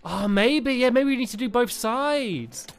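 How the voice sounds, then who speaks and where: A man's voice: very high-pitched, expressive, a little slow, smooth. A man giving chatty, casual game commentary, laughing often and restarting his sentences. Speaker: game channel host.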